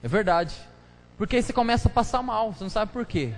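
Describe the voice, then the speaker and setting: A man's voice: high-pitched, lively intonation, fast talker. A pastor preaching a casual, joking sermon full of slang, chatting with his congregation during a live church service. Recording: live church hall reverb, faint noise.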